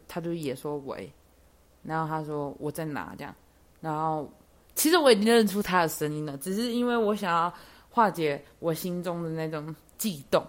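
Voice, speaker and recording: Low-pitched young woman telling a story. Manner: chatty, lots of fillers, animated when excited. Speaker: podcast host. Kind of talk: casual personal storytelling.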